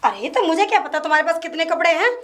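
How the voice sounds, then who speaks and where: A flustered wife played by a woman deflects every question in a very high voice. She sounds defensive and evasive, in keeping with a comedy sketch. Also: expressive, very fast, a bit bright.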